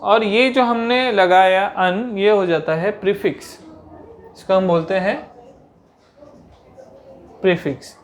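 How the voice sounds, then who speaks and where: A woman's voice: medium pitch, slight background noise. Teacher quizzing her class. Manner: asks rhetorical questions and answers them; slows down for English definitions. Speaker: English grammar teacher. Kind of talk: grammar lesson.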